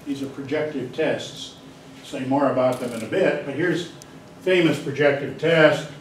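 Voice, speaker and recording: A chatty psychology lecturer talks straight to his students and wanders off on digressions during an informal class. His voice is medium-pitched and steady at a moderate pace. A distant mic in the roomy lecture hall picks up faint hiss.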